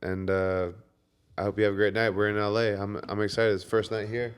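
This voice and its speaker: Man, podcast guest, low-pitched, slangy, excitable, casual. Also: fairly quick, smooth. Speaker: guest musician. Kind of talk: casual chat.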